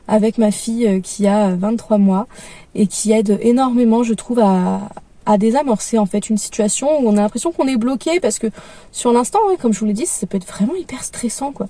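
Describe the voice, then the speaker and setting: A young mother talks through parenting advice in a calm, gentle voice, pausing often to find her words. Her voice is higher than most but mellow and soft. It sounds dry, with the mic set a little away from her. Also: no echo, recorded from a distance. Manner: calm, gentle, many hesitations. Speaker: parenting vlogger. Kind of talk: casual advice talk.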